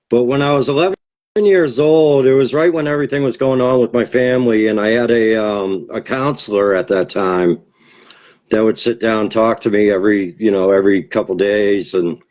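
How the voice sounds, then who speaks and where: A man speaks as a guest in a relaxed interview, at a middle pitch typical for a man. He wanders through his stories, trailing off, restarting and filling gaps with fillers. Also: lo-fi sound. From Boston area, USA. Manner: rambling, hesitant, many fillers and restarts. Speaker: featured poet guest. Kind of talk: casual interview conversation.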